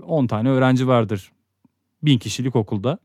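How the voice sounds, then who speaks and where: A young man co-hosting a podcast, telling stories in an animated, teasing way. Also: mid-range voice, normal speed, no echo, studio quality. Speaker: podcast co-host. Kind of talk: casual podcast chat.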